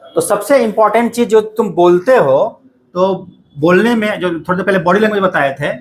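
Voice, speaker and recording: A man's voice: sits high, moderate pace, slight background noise. A middle-aged man teaching a class, lecturing students directly in a conversational classroom style and often checking they follow. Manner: addresses students directly, repeats "ठीक है ना" often. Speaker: coaching teacher.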